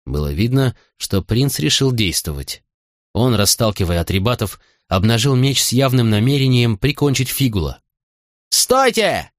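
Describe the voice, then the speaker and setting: A man reading an audiobook aloud in steady, measured narration. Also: medium pitch, no room sound, clean studio sound. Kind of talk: scripted narration.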